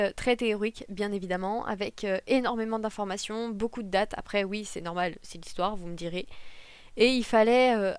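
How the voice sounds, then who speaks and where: Young woman, casual vlog chat, lots of ums and self-corrections, joking asides; smooth clear voice, dry close desk mic. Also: on the high side, dry recording. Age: young adult. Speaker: political science student. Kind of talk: casual talking-head vlog. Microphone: desk microphone.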